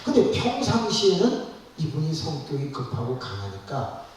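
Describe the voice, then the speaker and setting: A male pastor preaching a revival sermon in a lively storytelling manner. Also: fairly high pitch, normal speed, a little hiss or hum. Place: church sanctuary. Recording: echoey church hall from far off.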